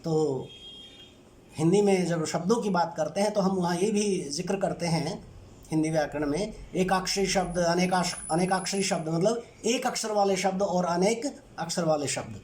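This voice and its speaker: A man teaching a lesson on language sounds, speaking in measured, deliberate short phrases with pauses. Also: high voice, a little mellow. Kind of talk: explanatory lecture.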